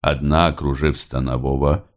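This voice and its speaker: A man narrating a classic novel as an audiobook in a dramatic, measured storytelling manner. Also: rumbling low, steady tone.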